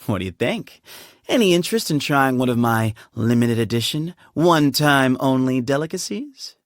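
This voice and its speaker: Lightly acted, with a medium pitch and lively intonation, a voice actor records video game lines for a carefree, playful young leader of a desert temple. His manner is chummy and quick to laugh, captured on a studio microphone in a dry booth without room sound.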